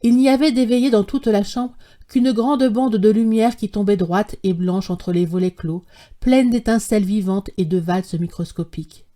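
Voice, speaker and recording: A woman narrating a classic short story as an audiobook, in a measured, literary reading style. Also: medium pitch, mellow.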